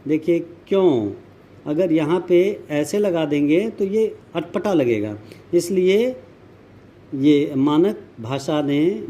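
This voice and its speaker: Guy teaching grammar real slow, kinda highish voice, repeats examples over and over. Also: dark tone. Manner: slow, explanatory, repeats words and examples for students. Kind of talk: classroom lesson.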